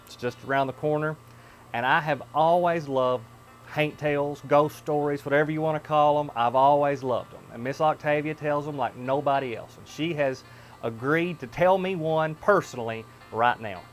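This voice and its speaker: A man's voice: on the high side, moderate pace. Man, folksy show host, casual talk, faint music.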